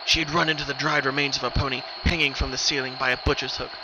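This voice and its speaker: A man narrates horror fan fiction from a script, reading it dramatically yet in a level tone and at a fast clip. The recording is noisy, with a rumbling ambient background and the high frequencies cut off.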